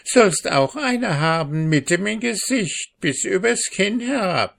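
A man voicing a spiteful old crone with a hoarse, cackling voice in a storybook reading. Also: sits high, lively intonation, slow pace, a bit bright, voice pushed up, exaggerated voice. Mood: mocking. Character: spiteful hook-nosed old crone, a witch.

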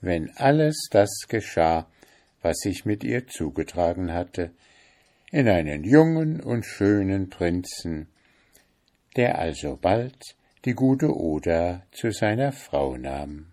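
A man reading a fairy tale aloud in a slow, expressive storytelling manner. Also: low-pitched. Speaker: reader.

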